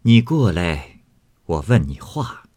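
A man voicing a sharp, domineering young noblewoman who runs the household, cold and scornful. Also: low voice, very animated, slow pace, exaggerated voice. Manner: cold scornful sneering, scolding in outbursts.

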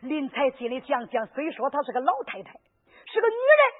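Woman, traditional storyteller, rhetorical questions, very high voice, lo-fi radio sound. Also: moderate pace. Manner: lively, asks and answers rhetorical questions. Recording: narrow lo-fi radio recording.

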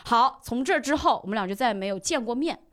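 Young woman, podcast guest; quick, lively storyteller who plays out each quote. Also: a little high. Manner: animated storyteller who acts out quoted lines. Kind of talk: casual chat, storytelling.

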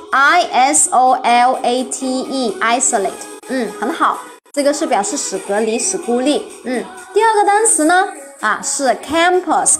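Female vocabulary teacher on a live stream, high voice, encouraging, spells words out slowly, faint music underneath. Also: fairly bright tone. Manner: spells words letter by letter, asks the class questions; encouraging, praises often.

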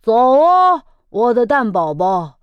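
A woman voicing a gentle, doting chicken father in a children's storybook reading, talking softly and patiently. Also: a little high, big pitch swings, takes it slowly, lo-fi sound. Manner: soft, patient, indulgent. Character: gentle, doting, good-natured chicken dad.

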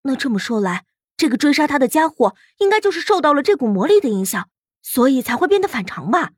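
A woman voicing a calm, sharp-witted young woman fighter who muses in a cool, measured way. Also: high-pitched, no room sound, studio quality. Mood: musing. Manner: cool, measured inner musing. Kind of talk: audiobook character reading.

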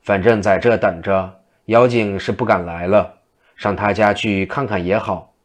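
A man's voice: lowish voice, fairly even intonation, a little slow, natural voice. A man voicing a boastful, middle-aged male Taoist exorcist who talks in a smug, self-satisfied way.

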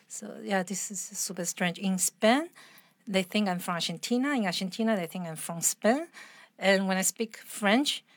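A woman with a medium-pitched voice and a mixed international accent is a guest in a conversational interview. She explains her thoughts expressively, earnest and reflective. The recording is very dry, with almost no room sound.

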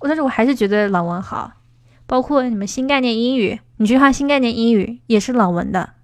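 A woman's voice: a little high, a little fast, no echo. A woman teaching English speaking on a casual livestream, chatty and emphatic, answering viewer questions as they come in.

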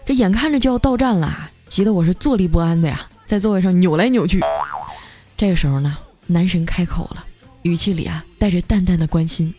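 A woman host narrating a funny everyday story in a playful, animated way. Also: fairly low pitch, a little fast, soft background music. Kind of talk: comic bedtime story narration.

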